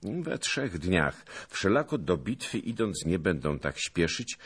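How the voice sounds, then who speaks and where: A boyish young soldier with a ringing, half-childish voice, delivering news in a storybook reading, as a man puts him on. The tone is slightly husky and the pitch moves freely. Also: very animated, slow, exaggerated voice. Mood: reporting.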